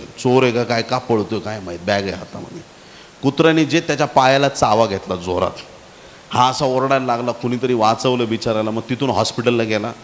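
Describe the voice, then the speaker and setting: A male pastor preaching in a church hall, his voice ringing with a long echo over a faint hiss. He tells stories with animation and keeps asking the congregation for their amens. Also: medium pitch. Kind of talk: sermon.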